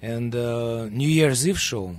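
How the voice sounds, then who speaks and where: A man with a Russian accent, a musician guest in a casual radio interview, joking with deadpan self-mockery. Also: mid-range voice, takes it slowly.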